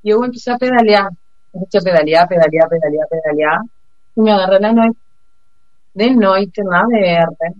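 A woman telling a personal story in a casual, expressive way, acting out the people she quotes. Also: medium pitch, moderate pace, pauses often, no echo. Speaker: guest telling of a bicycle trip. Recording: muffled lo-fi dry sound.

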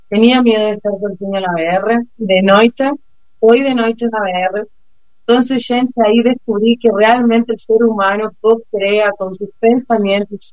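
Expressive woman telling a story, muffled. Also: fairly high pitch, no room sound. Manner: expressive, acts out the people she quotes. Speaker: guest telling of a bicycle trip. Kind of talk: casual storytelling. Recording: muffled lo-fi dry sound.

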